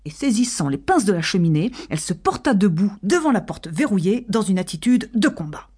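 A woman narrating a classic tale as an audiobook reader, in a husky, measured and expressive voice. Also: mid-range voice. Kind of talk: scripted literary narration.

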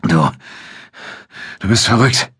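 A man voicing a weary, wary adult swordsman who speaks in a tense, urgent and slightly halting way. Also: fairly low pitch, animated, a bit bright, husky, dry recording, studio quality, pitched above the performer's own voice, heavily acted. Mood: urgent scolding.

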